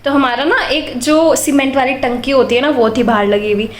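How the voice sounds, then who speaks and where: High-voiced chatty young woman vlogging at home. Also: fairly even intonation, moderate pace. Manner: giggly, chatty, breaks into laughter telling stories. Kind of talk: casual vlog chat and storytelling. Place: home, kitchen. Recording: echoey room with faint background noise.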